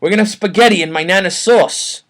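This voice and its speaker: A short, hot-tempered little man with a thick Brooklyn accent barks and rants, his voice pushed high and loud, as a comedy podcast host puts him on. He snaps at everyone around him in a petty, aggressive rage. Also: quick pace. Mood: smug. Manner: shouting, aggressive ranting.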